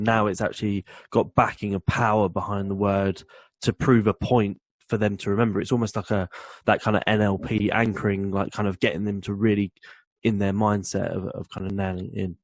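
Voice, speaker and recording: A man's voice: fairly low pitch, level tone, brisk, no echo. A man hosting a podcast, chatting loosely and affirming his guest, with lots of fillers. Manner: affirming and loose, many fillers like "kinda" and "you know". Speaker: podcast host. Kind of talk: casual conversational interview.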